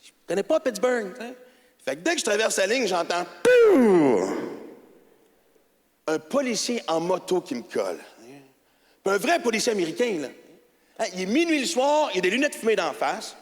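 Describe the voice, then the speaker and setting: Lively Québécois comedian on a big stage. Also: male voice, high voice, brisk. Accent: Québécois French. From Quebec. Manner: animated, colloquial, swings between mumbling and shouting. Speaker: stand-up comedian. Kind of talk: stand-up comedy storytelling. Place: large theatre stage with audience. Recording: hall reverb with audience ambience.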